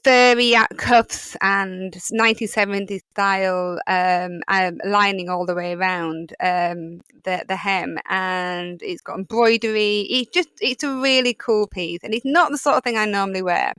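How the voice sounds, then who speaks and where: A woman's voice: medium pitch, measured pace, hardly any pauses, fairly bright tone, clear, resonant tone, no echo. A woman with a Yorkshire accent hosting a solo podcast, talking in a chatty, rambling way with many fillers. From England. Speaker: podcast host.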